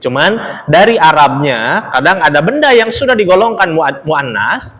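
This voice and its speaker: A man teaching Arabic in a relaxed, joking classroom manner. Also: high voice, moderate pace. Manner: relaxed, joking, laughs while explaining. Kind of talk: casual classroom explanation.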